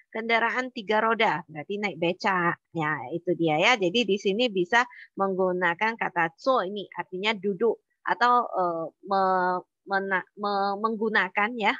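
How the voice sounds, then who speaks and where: Lady teacher walking through vocab slowly, bright voice, dry kinda dull mic. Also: medium pitch, no room sound. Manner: patient, explains step by step with many fillers. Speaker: Mandarin teacher. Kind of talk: online language lesson.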